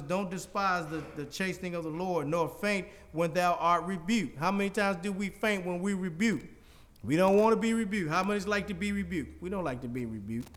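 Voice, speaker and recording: A man's voice: high-pitched, fairly bright tone. A man preaching a sermon, reading scripture in King James wording and explaining it in plain conversational speech with emphatic repetition. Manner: rising, emphatic delivery with frequent repetition.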